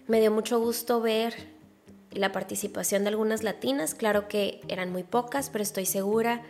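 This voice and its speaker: A woman's voice: mid-range voice, fairly even intonation, moderate pace, darkish tone, faint music behind. A woman with a nasal, congested-sounding voice, hosting a podcast in a casual, chatty, direct way. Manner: chatty, informal, emphatic with rhetorical questions. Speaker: podcast host. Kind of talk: casual solo podcast monologue, addressing listeners directly.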